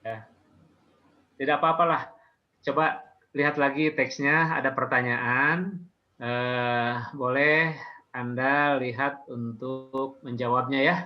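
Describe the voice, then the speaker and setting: A man with an Indonesian accent teaching an online language class informally, patiently asking questions and pausing often. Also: medium pitch, steady tone, highs cut off.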